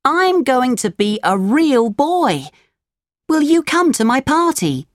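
Woman doing a high, excited puppet boy. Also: takes it slowly, dry recording, studio quality, full character voice. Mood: eager. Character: excited wooden boy puppet, eager and impulsive.

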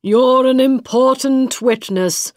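A woman voicing a stern male king giving commands in court, slow and emphatic. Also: high voice, no room sound, studio quality, voice pushed up. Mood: commanding.

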